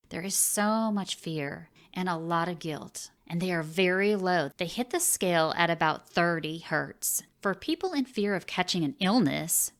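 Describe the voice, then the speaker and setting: A woman with a lowish voice presents a spiritual self-help lesson. She speaks deliberately and earnestly, stressing key phrases the way a teacher would.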